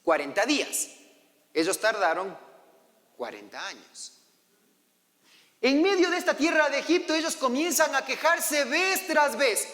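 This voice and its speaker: A man's voice: extremely high pitch, very animated, a little slow, long pauses, bright, forceful tone. A man preaching a sermon as pastor, telling the story and acting out the voices of its characters. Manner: storytelling, acting out quoted voices, asking the congregation. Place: church hall. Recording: long church hall reverb.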